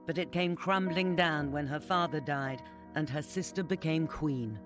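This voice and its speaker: A man reads a documentary script in a measured, formal way. His voice is fairly high, and music plays clearly behind him. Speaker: documentary narrator. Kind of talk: scripted narration.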